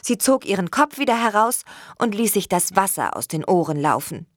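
A woman reading a children's storybook aloud in a gentle, expressive way. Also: mid-range voice, moderate pace, no echo, clean studio sound. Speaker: narrator.

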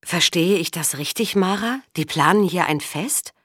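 Woman voicing a strict devout mother, audiobook, low, dry. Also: moderate pace, fairly bright tone, slightly rough, dry recording.

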